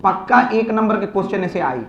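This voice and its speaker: A man's voice: sits high, animated, fairly quick, creaky, fairly bright tone. A man teaching physics in a classroom, coaxing students with repeated questions. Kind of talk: classroom lecture. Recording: echoey room, dull lo-fi sound.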